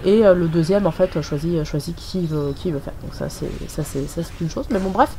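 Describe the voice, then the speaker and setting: Sniffly with a cold, this French-accented woman hosts a gaming channel and offers loose, meandering commentary full of fillers and pauses. She speaks at normal speed with a fairly low pitch and a dark tone, over faint game music with a little background noise.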